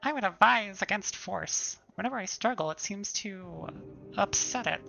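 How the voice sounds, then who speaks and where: A woman voicing an excitable, formal male historian character from a game. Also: mid-range voice, normal speed, creaky, soft background music, voice pushed up. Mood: excited formal. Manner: formal, eager, over-polite.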